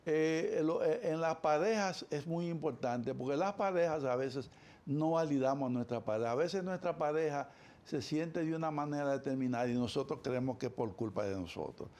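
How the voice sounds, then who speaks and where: Gravelly animated man. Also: on the high side, normal speed. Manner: animated, acts out quoted voices. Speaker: psychologist guest. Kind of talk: conversational interview.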